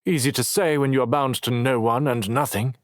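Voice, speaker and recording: A man's voice: mid-range voice, fairly even intonation, fairly quick, no room sound, studio quality, voice pushed up, natural voice. A man narrating an audiobook voices an injured, determined man who talks earnestly, teases, and snaps back. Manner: earnest, teasing, snappish.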